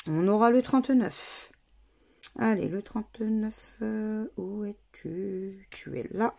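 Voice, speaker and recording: A woman's voice: mid-range voice, slow pace, gravelly, a little mellow. A woman vlogger talking casually as she plays scratch games, methodically spelling out letters and numbers one by one. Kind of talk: casual commentary while playing scratch games.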